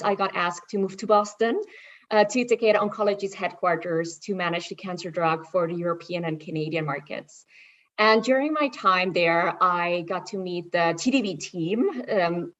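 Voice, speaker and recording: A woman's voice: lowish voice, normal speed, a bit bright. A woman from Switzerland introducing herself on a panel as a venture investor, upbeat and enthusiastic. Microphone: video call. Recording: dull, lo-fi audio.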